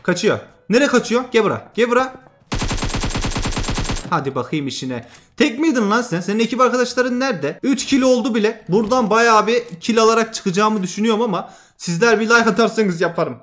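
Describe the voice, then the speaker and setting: A young man hosting a mobile shooter channel, giving excitable, trash-talking live commentary that swings between loud outbursts and muttering. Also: very high-pitched, fast talker, hardly any pauses, a little hiss or hum. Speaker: gaming channel host.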